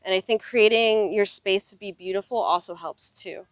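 A woman's voice: medium pitch, moderate pace, no echo. A woman in her thirties speaking earnestly and reflectively in a casual interview, conversational in manner, recorded outdoors on a lapel mic. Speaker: interview guest, full-time RV traveler. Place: outdoors on open desert gravel lot. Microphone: clip-on lapel mic.

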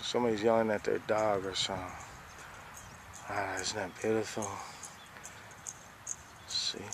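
Casting: gravelly-voiced man, rambling outdoor phone vlog, faint background noise. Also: fairly low pitch, level tone, unhurried. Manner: rambling, repeats "see?" and "right there". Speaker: vlogger filming the sky. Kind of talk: casual filmed commentary. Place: outdoors beside a fenced yard.

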